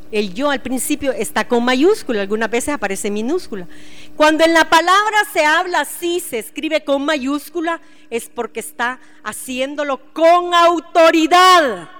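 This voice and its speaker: High-voiced woman preaching. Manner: animated, asks the listeners questions and acts out scenes. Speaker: preacher leading a women's Bible study. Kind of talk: conversational sermon.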